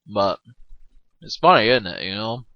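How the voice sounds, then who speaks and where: Brief: low male voice, loose joking film commentary, dull dead-dry recording. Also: big pitch swings, unhurried, no room sound. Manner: rambling, filler-heavy, joking with frequent laughs. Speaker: movie commentary host.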